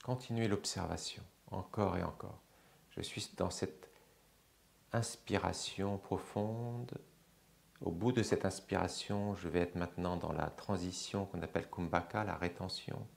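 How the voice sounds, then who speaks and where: A man teaching yoga, calmly guiding a slow breathing exercise with long pauses. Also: low-pitched, creaky. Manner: slow, calm, measured guidance with long pauses. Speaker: yoga instructor.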